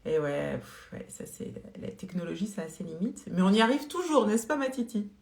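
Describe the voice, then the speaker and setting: A woman's voice: mid-range voice, sing-song, normal speed, vocal fry, darkish tone. A woman hosting a casual live-stream product demo, chatty and full of fillers, greeting viewers by name. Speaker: beauty live-stream seller. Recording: roomy echo.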